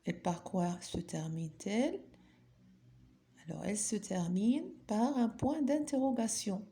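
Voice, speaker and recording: A woman's voice: medium pitch, unhurried, warm tone. A woman teaching a grammar lesson, patiently asking her pupils questions and then answering them herself. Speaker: French teacher.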